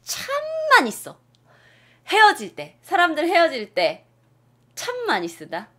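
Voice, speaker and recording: A young woman teaching English in a casual video lesson, acting out example lines with big jumps in pitch and dropping to a whisper for asides. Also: wildly swooping pitch, unhurried, pushed and bright.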